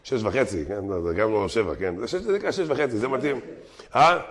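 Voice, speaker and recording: A man teaching a weekly religious lesson in an animated, slangy way that mixes learned phrases with street talk. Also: medium pitch. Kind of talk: religious lesson mixed with jokes.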